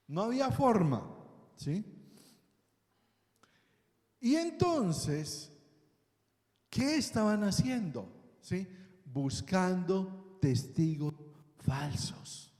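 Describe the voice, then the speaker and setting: A man's voice: high voice, sing-song, very slow, long pauses, darkish tone. A male pastor preaching a sermon, asking the congregation questions and checking in with them often. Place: church hall. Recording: echoey church hall.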